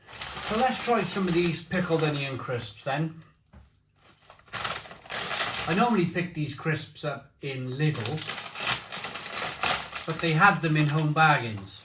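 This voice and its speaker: A man's voice: on the high side, animated, slow pace, pauses often, heavy background noise. A man giving a casual, rambling review to camera, repeating phrases for emphasis. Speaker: beer and snack reviewer. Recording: roomy echo.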